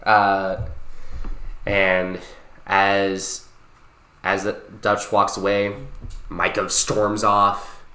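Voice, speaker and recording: Man, late twenties, podcast co-host, animated storyteller, low pitch, echoey room. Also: extremely slow, pauses often. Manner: animated storytelling, swearing freely. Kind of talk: casual chat.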